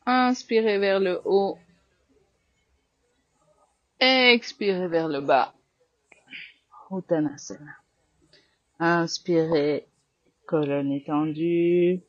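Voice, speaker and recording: A woman with a French accent guiding a yoga class, giving calm, slow cues with breath counts. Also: on the low side, no room sound, highs cut off. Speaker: yoga teacher. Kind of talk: guided yoga class instruction.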